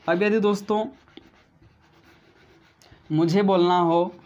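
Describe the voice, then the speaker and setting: Slow, patient male grammar teacher. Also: high voice, steady tone, a little mellow, lo-fi sound. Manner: slow and deliberate, says he explains step by step; repeats each example and often adds a "right?" tag. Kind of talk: video grammar lesson.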